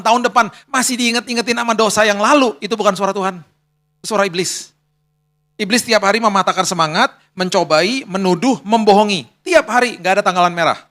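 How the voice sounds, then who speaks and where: High-voiced bright male pastor. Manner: colloquial storytelling, repeats key phrases. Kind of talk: sermon.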